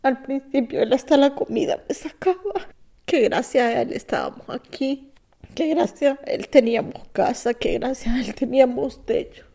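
Salvadoran lady, 50s, halting soft testimony, mellow dark tone, fry in the voice. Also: sits high. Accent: Salvadoran Spanish. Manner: halting and soft, drops to whispers. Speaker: immigrant English learner. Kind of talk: personal testimony.

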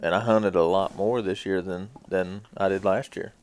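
A man's voice: sits low, fairly even intonation, normal speed, a little mellow. A man telling casual hunting stories in folksy, colloquial speech as a podcast co-host.

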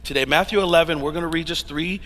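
A man's voice: a little high, fast, fairly bright tone. A pastor preaching a sermon to his congregation in a church hall, earnest and emphatic, his voice often rising and dropping in volume. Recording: long hall reverb.

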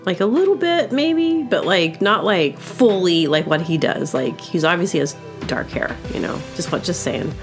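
A woman hosting a podcast in casual comedic chat, rambling and animated, with lots of fillers and quick impressions. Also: on the low side, soft background music. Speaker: podcast host.

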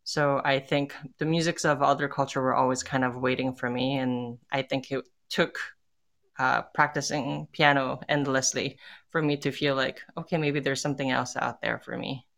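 A woman born in Korea, a tango musician, talking in a casual interview, thoughtful and pausing often with fillers and restarts. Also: very deep voice, fairly even intonation, creaky, fairly bright tone.

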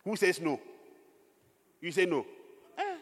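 Male pastor, animated preacher, husky raised voice, long church-hall echo. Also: high voice, slow. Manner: animated preaching with sudden loud outbursts and laughs. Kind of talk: sermon.

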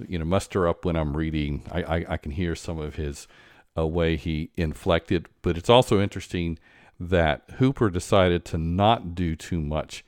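A man hosting an interview, talking in a halting way with many restarts and fillers. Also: low voice, darkish tone, no echo, clean studio sound. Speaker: podcast host. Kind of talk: conversational interview.

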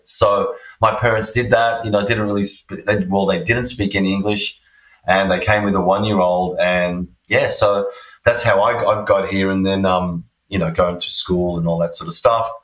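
A deep, low-voiced Australian man chats in a loose, rambling way, full of ums and you-knows. His voice sits back from the mic in a roomy space. The audio is dull and muffled. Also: fairly bright tone, distant mic. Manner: rambling, laid-back, many fillers. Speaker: guest guitarist. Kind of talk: casual storytelling interview.

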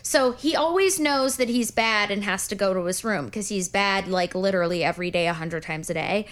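A woman's voice: medium pitch, fairly quick. A woman who runs a cat rescue, chatting casually and animatedly as co-host. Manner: chatty, animated, puts on playful voices for her cats. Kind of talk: casual chat.

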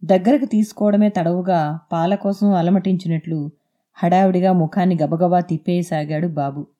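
A woman narrating a serialized audio novel in a steady, expressive reading. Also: fairly low pitch, moderate pace. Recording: dull lo-fi.

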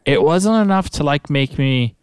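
A man in casual podcast chat, telling a story in a relaxed, rambling way, close to the mic. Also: on the high side, normal speed, clear, resonant tone, dry recording. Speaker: podcast co-host.

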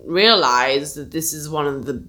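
A woman playing an eager son bursting with ideas who won't back down. The voice is bright and sharp and fairly low-pitched. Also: a little slow. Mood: earnest. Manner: pushy, indignant.

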